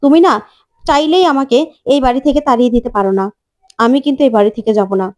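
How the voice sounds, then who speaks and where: A woman's voice: on the high side, lively intonation, fast, natural voice. A woman voicing a scheming young wife who defensively denies the blame. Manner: defensive, pleading.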